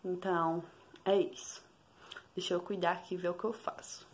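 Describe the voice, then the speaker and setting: A young woman with a Brazilian Portuguese accent, a mother chatting casually and softly in a home vlog. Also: on the low side, flat delivery, normal speed, slight background noise. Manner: soft, chatty, fond of diminutives. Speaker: mother vlogger. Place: home, in the kitchen.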